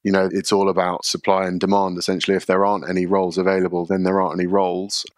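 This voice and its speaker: A man, a podcast guest explaining his workplace practices in a measured way, often using fillers. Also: sits low, monotone, dry recording, clean studio sound. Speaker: guest, contact centre leader. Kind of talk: podcast interview answers.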